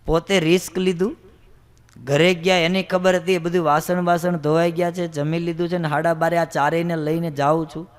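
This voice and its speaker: A swami tells one comic story after another to a gathered audience. He speaks in a fairly high male voice with a brisk storyteller's rhythm and slips into the voices of his characters as he goes. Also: level tone. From Gujarat. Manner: brisk joke-telling, acts out characters' voices. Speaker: swami giving a comic religious talk. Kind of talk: humorous storytelling talk to an audience.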